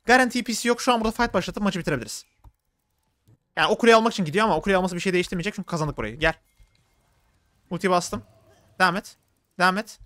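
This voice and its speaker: A man streaming a video game, giving quick play-by-play and complaining about his teammates. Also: high voice, pushed and bright, dry recording. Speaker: gaming streamer. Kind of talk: live gameplay commentary.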